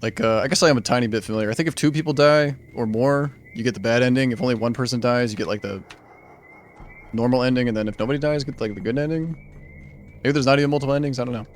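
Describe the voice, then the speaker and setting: Brief: man, mid-pitched, loose rambling game-stream commentary, half talking to himself. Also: fast, a little hiss or hum. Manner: rambling, thinking aloud with frequent "like". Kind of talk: casual gameplay commentary.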